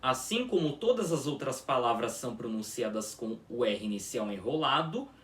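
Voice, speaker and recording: A man teaching a pronunciation lesson, demonstrating each sound slowly and checking in with his students. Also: mid-range voice, animated, fairly bright tone, recorded from a distance. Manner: drawn-out patient demonstrations, frequent "tá?" checks. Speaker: language teacher.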